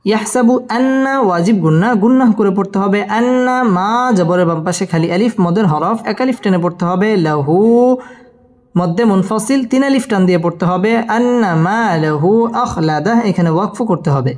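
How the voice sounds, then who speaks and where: A man teaching Quran recitation. He spells out each letter and vowel, then chants the verses in a drawn-out melody. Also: high voice, expressive, a little mellow.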